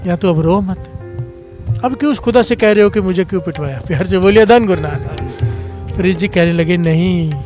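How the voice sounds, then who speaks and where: A man with a high voice preaches a devotional sermon. He tells a saint's story and keeps calling the congregation to respond, and his voice climbs higher and grows impassioned when he speaks the saint's words. Soft music plays faintly behind him. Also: normal speed.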